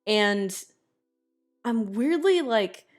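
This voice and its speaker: A woman's voice: fairly high pitch, expressive, drawn-out words, faint music behind. A woman in her thirties chatting casually on a livestream, emphatic and loose with swearing. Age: 30s.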